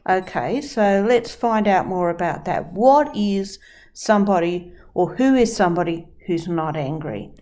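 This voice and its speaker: A woman's voice: on the low side, animated, unhurried, a little mellow. A woman teaching dream work who talks through a client example step by step. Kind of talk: explaining a dream-work session.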